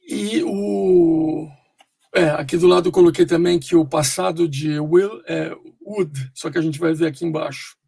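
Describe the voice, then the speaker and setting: A man teaching English pronunciation online, explaining slowly with many fillers and pauses. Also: on the high side, fairly even intonation, vocal fry, mellow, husky, dry recording.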